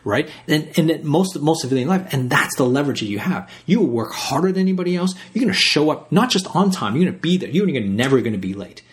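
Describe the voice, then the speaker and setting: Guy cohosting a motivational podcast, talks fast, pushy earnest pep talk vibe. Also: on the high side, big pitch swings. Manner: earnest, repetitive, emphatic coaching talk. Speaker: podcast co-host.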